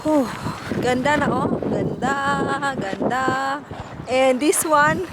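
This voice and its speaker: Casual female vlogger, Filipino accent, fairly high voice, informal and chatty, heavy wind and street noise. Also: slow. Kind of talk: casual vlog chat mixing Tagalog and English. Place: outdoors on a walk.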